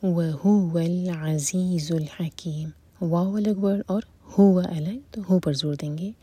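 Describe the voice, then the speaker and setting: Woman, Quran recitation teacher, lowish mellow voice, breathy and husky, slow chanted verses, quick soft asides. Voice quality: often whispery, breathy delivery. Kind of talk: tajweed lesson, recite and explain.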